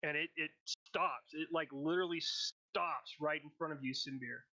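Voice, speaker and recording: A man narrating a tabletop role-playing game as game master, deliberate, with dramatic pauses. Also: on the high side, bright, forceful tone.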